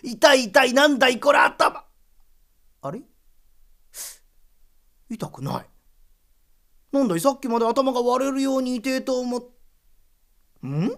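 A woman voicing a stingy middle-aged Edo townsman who grumbles in rough street speech. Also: sits high, animated, unhurried, long pauses. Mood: puzzled, aching.

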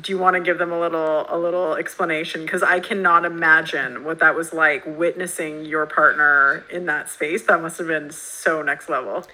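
Bright-voiced curious woman host. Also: low-pitched, steady tone, normal speed, few pauses, poor audio. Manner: warm, curious, gushing affirmations. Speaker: podcast host. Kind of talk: casual interview chat.

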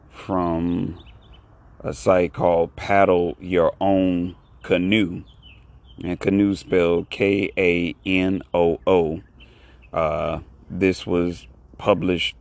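Low, creaky, slow-talking man, subdued podcast host. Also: no room sound. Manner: low, hushed talking so as not to disturb someone. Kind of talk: casual solo podcast talk.

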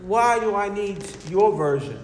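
A man's voice: high-pitched, expressive, unhurried, pitched above the performer's own voice. A man voicing a scoffing male atheist who challenges a believer with mocking questions, in an echoey hall. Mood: defensive. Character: scoffing skeptical male atheist arguing at the door. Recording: echoey hall with faint noise.

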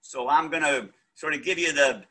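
A man's voice: a little high, normal speed, bright, forceful tone, rough recording. A man hosting a talk show, joking in a folksy way as he speaks. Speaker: host.

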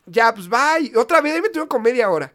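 A man's voice: extremely high pitch, sing-song, quick pace, sharp tone. A young man with a Mexican accent telling a story to friends, slangy and swearing, laughing as he goes. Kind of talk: casual storytelling among friends.

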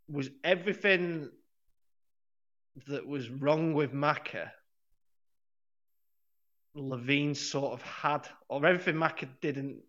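A man's voice: medium pitch, fairly bright tone. A man co-hosting a football podcast in casual chat, rambling and correcting himself, laughing often. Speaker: podcast co-host. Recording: dull lo-fi sound.

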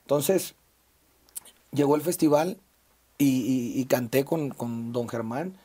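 A man's voice: mid-range voice, slow, dark tone, breathy edge. Reflective Mexican man telling his story. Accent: Mexican Spanish, Sinaloa. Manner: reflective, frequent fillers and restarts. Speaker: interview guest, singer. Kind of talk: casual conversational interview.

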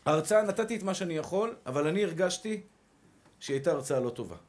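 A man's voice: fairly high pitch, expressive. A male rabbi giving a sermon in an emphatic, rousing way, repeating short rallying calls.

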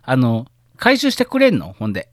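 A man playing an exasperated customer, firing rough, blunt retorts in a comedy sketch. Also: medium pitch, huge pitch swings, a little fast, dry recording, studio quality. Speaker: podcast co-host.

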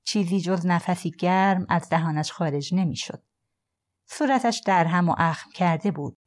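Calm woman reading a novel aloud. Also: fairly low pitch. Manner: calm, even storytelling. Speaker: audiobook narrator. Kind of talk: scripted narration.

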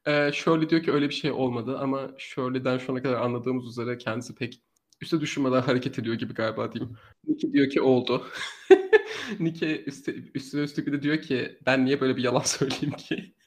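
A man co-hosting a casual true crime podcast, telling the story in an animated way and laughing often. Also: mid-range voice, quick pace.

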